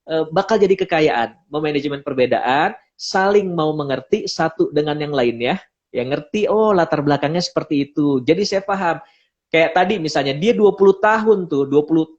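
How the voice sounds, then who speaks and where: A man's voice: a little high, lo-fi sound. A man giving a casual pre-marriage seminar talk, explaining points and acting out quoted speech. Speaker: pre-marriage class speaker.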